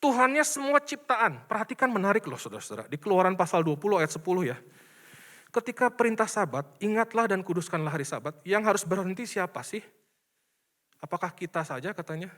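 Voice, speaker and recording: A man preaching a sermon in a church, animated, swinging between soft asides and loud emphasis while addressing the congregation. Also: high voice, a little fast. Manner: addresses congregation repeatedly as brothers and sisters. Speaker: pastor.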